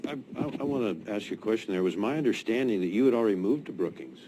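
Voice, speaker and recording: A man's voice: on the low side, animated, racing. A man questioning speakers as an official at a public meeting. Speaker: county commissioner. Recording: noisy meeting room, off-mic.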